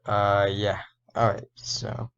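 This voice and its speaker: A man explaining an animation as a casual tutorial, thinking aloud and correcting himself, his voice a little hoarse. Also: on the low side, completely flat delivery, slow, fairly bright tone. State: slightly hoarse. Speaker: indie game developer and animator. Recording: dull lo-fi recording.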